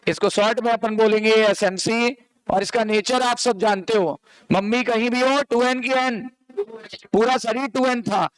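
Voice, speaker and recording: A man's voice: very high-pitched, unhurried, clear, resonant tone, no echo, low-quality recording. A man teaching a biology lesson, asking students questions and answering them himself, explaining with everyday comparisons and repetition. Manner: quizzes students and answers his own questions. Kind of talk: classroom lecture.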